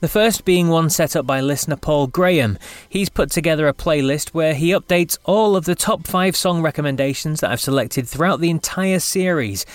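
Hosting a rock podcast, a man from England whose speech carries a slight Scottish lilt reads through his intro before moving into a relaxed interview with his guest, upbeat, talkative and laughing easily. He speaks on the high side at a normal speed in a dry recording.

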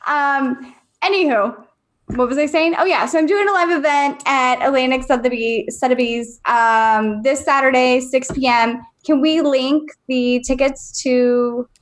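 A woman co-hosting a podcast in casual chat, chatty and playful. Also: sits high. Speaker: podcast co-host and psychic reader.

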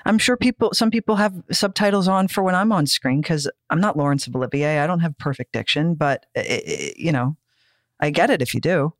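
A woman's voice: low-pitched, brisk, no room sound. A woman co-hosting a podcast in casual chat, dry and insistent, often repeating her phrases. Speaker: podcast co-host.

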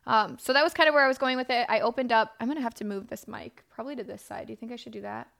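A woman's voice: fairly high pitch, very fast, vocal fry, fairly bright tone. A woman hosting a podcast in a casual, confessional way, candid and conversational, often checking in with a "right?". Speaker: podcast host.

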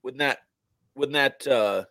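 Hoarse, raspy male sports show host. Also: medium pitch, slow, pushed and bright, dry recording, studio quality. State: hoarse, strained voice from losing it. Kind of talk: casual football talk.

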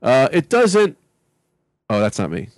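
A man with a mid-pitched voice reads narration at a casual comedy table read. His delivery is informal and slangy, like someone chatting among friends. The recording is dry and close, with very little room sound. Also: huge pitch swings, unhurried, no echo. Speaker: script writer and reader at a comedy table read. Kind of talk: reading narration and banter, casual.

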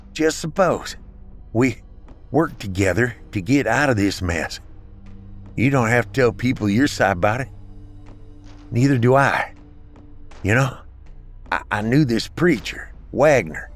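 Man voicing a wounded Confederate raider; slurred, breathy, a notch higher than the narrator, soft music under. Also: lively intonation, slow, long pauses. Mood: pleading. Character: male Confederate bushwhacker soldier, bitter.

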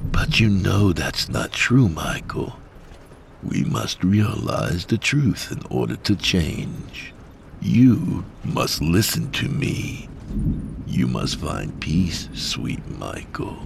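A man's voice: low voice, very animated, takes it slowly, creaky, slight background noise, pitched above the performer's own voice, full character voice. A man voicing a sinister ghostly Quaker with glowing eyes, whispering in a coaxing, menacing way.

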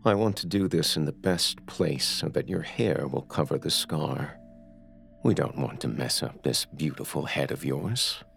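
An actor playing a creepy, obsessive male captor who gloats slowly and menacingly over his prisoner in a horror audio drama. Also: extremely low pitch, fairly bright tone, heavily acted. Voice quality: gravelly.

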